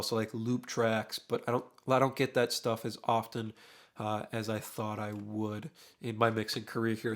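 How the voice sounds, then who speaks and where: Mid-range and gravelly, the voice belongs to a young mixing engineer who is losing it, leaving it a little worn. He casually talks through a screen-recorded studio tutorial, relaxed and peppering his thinking-aloud with uhs as he works. He's in a home studio, with drums behind him.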